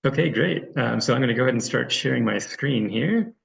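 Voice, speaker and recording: A man's voice: mid-range voice, lively intonation, brisk, creaky, a bit bright, poor audio. A man giving a friendly, loose online presentation over a video call, as a reserve director, with frequent ums. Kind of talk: online presentation with screen sharing.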